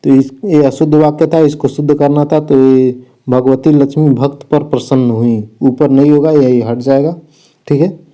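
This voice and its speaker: A man's voice: mid-range voice, fairly even intonation, normal speed, mellow. A man working through spelling and sentence corrections for exam students, saying "theek hai" after each point. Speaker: exam coach. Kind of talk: spelling lesson walkthrough.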